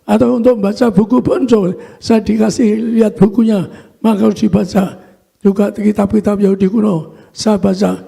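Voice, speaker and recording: An older man, a pastor, giving a fervent sermon testimony in short halting phrases with a frequent "so". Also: high-pitched, flat delivery, gravelly, dark tone, slightly rough.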